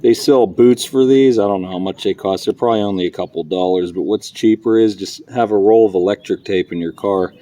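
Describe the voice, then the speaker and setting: A man, vlogging casually as he metal detects in a public park, excitable and chatty as he calls out his finds. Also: lowish voice, fairly quick, hardly any pauses, no room sound. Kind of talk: casual vlog narration while detecting.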